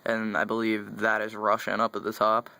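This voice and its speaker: A man's voice: on the low side, completely flat delivery, moderate pace, vocal fry, sharp tone, dry recording. A young man chatting casually as he unboxes computer parts, rambling and correcting himself as he goes. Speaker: tech vlogger.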